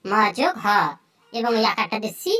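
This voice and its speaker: A young speaker teaching Sanskrit pronunciation, speaking slowly and saying each example word several times. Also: mid-range voice, big pitch swings, a bit bright.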